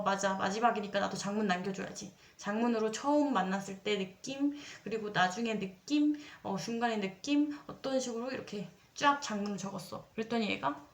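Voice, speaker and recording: A young woman in her twenties telling a personal dating story in a casual, confessional way, chatting straight to her viewers and acting out what people said. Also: medium pitch. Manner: chatty, dramatizes quoted lines, addresses viewers directly. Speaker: storytelling creator. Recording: roomy echo.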